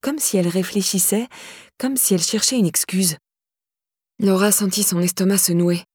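A woman narrating an audiobook in a steady, measured reading. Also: mid-range voice, breathy edge, dry recording, studio quality. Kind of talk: scripted narration.

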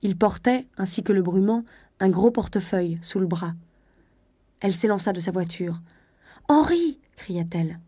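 A woman narrating a classic story in a measured, literary way. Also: medium pitch, steady tone, dark tone, slightly rough, no room sound, studio quality.

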